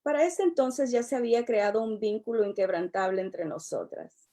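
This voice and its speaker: A middle-aged woman, a relationship coach giving a prepared personal testimony in a measured, earnest way. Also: on the high side, dark tone. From El Salvador. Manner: measured, earnest, unhurried delivery.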